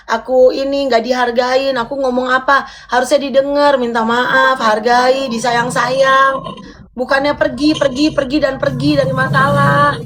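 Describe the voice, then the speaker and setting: A woman arguing on a live stream, insistent and repeating her demands over and over. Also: sits high. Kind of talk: heated live-stream argument.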